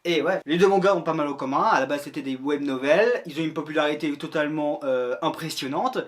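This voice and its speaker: A man's voice: fairly high pitch, brisk. A man hosting a casual, comedic anime and manga review, jokey and crude with self-mocking banter.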